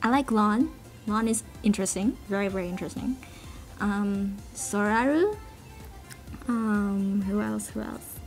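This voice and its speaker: A woman of medium pitch speaks a little slowly, casually rambling to online listeners with a playful, giggly, self-mocking air. She is an amateur cover singer answering a voice meme, and music runs behind her voice.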